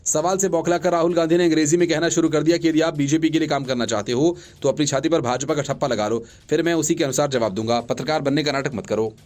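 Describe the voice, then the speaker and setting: A man reading scripted news reports as a voice-over, in a brisk and emphatic bulletin style. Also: a little high, fairly even intonation, a little mellow. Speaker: news reader.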